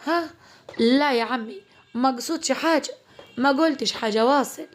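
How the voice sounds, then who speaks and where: A resentful, sharp-tongued mother snaps her biting remarks in a spoken family story, with a woman storyteller doing her. Her speech is pitched high and pointed. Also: moderate pace, natural voice. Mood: spiteful. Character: spiteful middle-aged mother, sharp-tongued.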